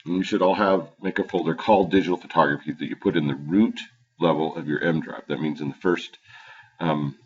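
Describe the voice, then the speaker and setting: A male teacher at home giving a halting screen-recorded computer tutorial with frequent fillers and restarts, recorded on his computer's low-quality built-in microphone. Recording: dull lo-fi built-in computer mic.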